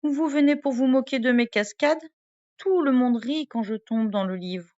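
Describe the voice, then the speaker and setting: A woman's voice: high voice, normal speed, dark tone, no echo, lo-fi sound, lightly acted. A woman voicing a sweet, clumsy little male penguin with a small, childlike voice, as in a storybook read to a toddler. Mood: sad, wary.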